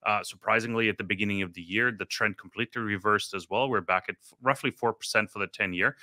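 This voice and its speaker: Bright, crisp-voiced male podcast host. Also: on the low side, fast, no echo, studio quality. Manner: chatty, stumbling restarts, laughs at own remarks. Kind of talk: interview questions.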